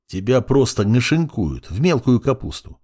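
A man's voice: mid-range voice, big pitch swings, normal speed, darkish tone, husky, pitched above the performer's own voice. A man voicing a young male judge who is irritated and condescending, speaking in a brusque, lecturing way in an audiobook.

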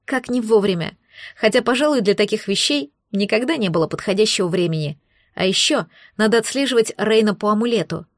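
A woman narrating a first-person fantasy novel, steady and tense. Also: mid-range voice, a little fast, dry recording, studio quality. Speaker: audiobook narrator.

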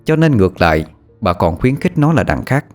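A man narrating a rural horror story in a steady, plain reading voice. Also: lowish voice, fairly quick, soft background music.

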